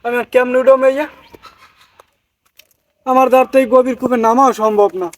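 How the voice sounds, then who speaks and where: A man's voice: very high-pitched, fairly even intonation, brisk. An actor playing a simple, panicky village woodcutter who stammers as he speaks. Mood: lamenting. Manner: flustered, stammering. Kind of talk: comic folk-tale acting.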